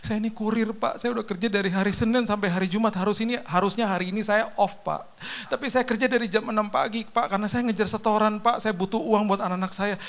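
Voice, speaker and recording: A man's voice: high voice, steady tone, fast, few pauses, fairly bright tone, voice pushed up. A man voicing a worn-out young male courier who pleads and apologizes through tears. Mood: tearful pleading. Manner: pleading, sobbing, apologizing over and over.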